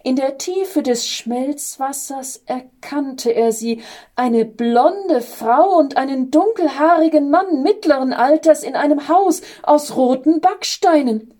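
Sex: woman. Role: storyteller. Style: reading a story aloud. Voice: slow, mellow, calm. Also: high voice.

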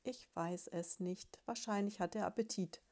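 A woman's voice: mid-range voice, normal speed, darkish tone, natural voice. A woman voicing a tired male beetle who mutters sleepy, half-whispered answers.

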